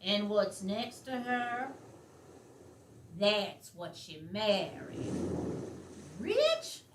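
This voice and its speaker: A woman playing a feeble, indignant grandmother of eighty-six in a stage play, with a folksy, complaining, drawn-out delivery. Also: medium pitch, wildly swooping pitch, slight background noise, heavily acted. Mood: chatty, wry. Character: feeble, indignant 86-year-old farm widow grandmother, folksy and chatty. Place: theater stage, distant mic. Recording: echoey stage from far off, background music.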